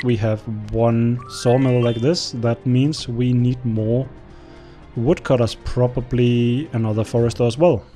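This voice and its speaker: Mid-range and mellow, this voice belongs to a young man whose first language is Danish. He offers relaxed let's-play commentary on a strategy game, reasoning aloud and speaking to his units as he goes.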